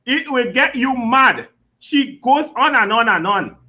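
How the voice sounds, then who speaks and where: Extremely high-pitched, sharp and expressive, this Trinidadian man speaks a little slowly as a guest on a live talk show. He jokes around, chats casually and tells funny stories, laughing often and using "you know" constantly, all in dull, lo-fi livestream audio.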